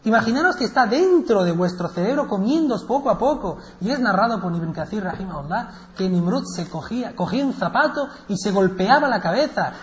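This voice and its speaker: Animated preacher telling a story. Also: male voice, sits high, brisk, few pauses. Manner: animated, dramatic, laughs between phrases. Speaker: religious lecturer. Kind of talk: storytelling religious lecture. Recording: echoey, dull lecture recording.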